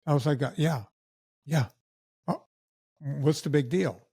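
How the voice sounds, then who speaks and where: A man tells stories on a podcast in a fairly high voice and acts out the people in them as he goes. The sound is dry and close, with no room echo. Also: a little slow, husky. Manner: animated anecdotes with acted-out quotes of other people. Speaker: podcast guest. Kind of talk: casual storytelling.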